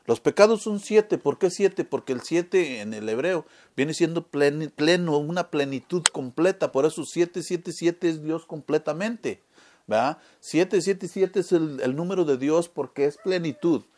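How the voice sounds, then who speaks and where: Male preacher with a higher voice, leans on "right?" questions to the audience. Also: a little slow, darkish tone. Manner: keeps asking the audience "¿verdad?"; asks questions and answers them himself. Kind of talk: sermon.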